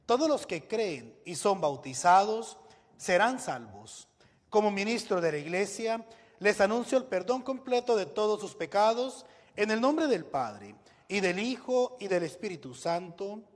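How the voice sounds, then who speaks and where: Male minister, solemn and measured, high voice in a big echoing church. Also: big pitch swings. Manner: solemn, measured liturgical delivery. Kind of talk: leading a church service. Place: large church. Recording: long reverb in a large church hall.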